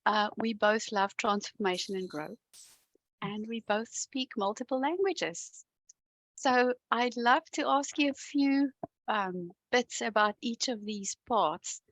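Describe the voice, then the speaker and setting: A woman's voice: a little high, takes it slowly, a bit bright, no room sound, rough recording. A woman hosting an interview, welcoming her guest and asking structured questions. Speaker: podcast host.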